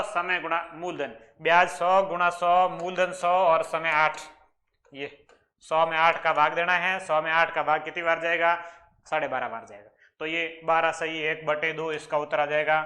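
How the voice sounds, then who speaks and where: A man's voice: high voice, pushed and bright. A male maths teacher explaining exam questions step by step, asking questions and answering them himself. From Rajasthan, India. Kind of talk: exam-prep maths lesson.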